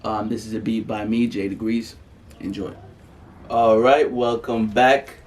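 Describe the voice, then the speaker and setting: A man's voice: fairly low pitch, steady tone, unhurried, recorded from a distance. Laid-back man co-hosting a podcast. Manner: laid-back, joking, trails off quietly. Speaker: podcast co-host. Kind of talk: casual chat.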